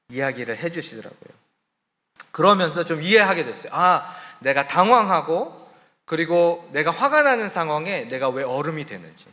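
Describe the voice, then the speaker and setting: A man who is a missionary, telling his own story in a sermon, candid and confiding, sometimes dropping soft. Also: fairly high pitch, big-room sound. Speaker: missionary preacher. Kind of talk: testimony sermon. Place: church sanctuary.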